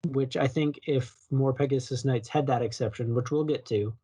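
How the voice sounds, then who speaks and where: A man co-hosts a casual podcast about video games. His voice sits at a middling pitch, and he rambles loosely, often stopping to restart a sentence. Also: fairly even intonation, moderate pace, warm tone, breathy edge. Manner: rambling, self-correcting, loose. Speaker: podcast co-host.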